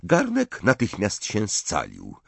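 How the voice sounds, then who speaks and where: Gravelly, expressive male storyteller. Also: on the low side, slow, dry recording. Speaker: audiobook narrator. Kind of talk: scripted narration.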